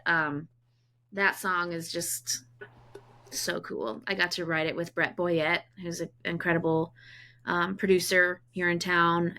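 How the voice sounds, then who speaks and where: Sex: woman. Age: 30s. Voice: bright, chatty. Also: lowish voice. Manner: chatty, frequent restarts and repeated words. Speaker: singer-songwriter guest. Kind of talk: casual podcast conversation.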